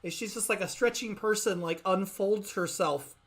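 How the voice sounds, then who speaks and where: A woman's voice: medium pitch, normal speed. A woman narrating as game master in a live tabletop game, chatty and giggly, rambling with restarts.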